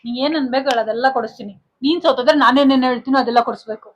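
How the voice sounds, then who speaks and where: Fast-talking high-voiced confident woman. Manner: boastful, confident. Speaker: comedy skit creator. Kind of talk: casual couple comedy skit.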